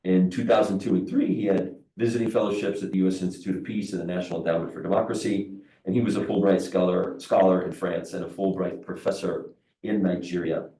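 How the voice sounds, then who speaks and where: Muffled, low-voiced man in a mask. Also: fairly even intonation, fast, mellow, a little hiss or hum. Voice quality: muffled, speaking through a face mask. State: sniffly with a cold. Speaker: seminar host introducing a speaker. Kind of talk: hesitant semi-formal introduction speech. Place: seminar room with a seated audience. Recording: echoey room, distant microphone.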